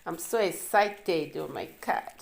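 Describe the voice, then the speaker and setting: A young woman with a Nigerian accent in a casual unboxing vlog, excitable and repeating herself as she shows off food items. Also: lowish voice, unhurried, creaky, slight background noise. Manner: excitable, repeats words, bursts of laughter. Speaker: vlogger. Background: faint crinkling of wrappers.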